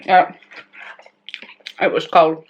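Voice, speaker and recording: A woman's voice: drawn-out words, dull audio. A woman vlogger telling a personal story in casual, chatty speech, rambling and often breaking off to restart her sentences. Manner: rambling, self-interrupting. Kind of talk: casual story-time chat.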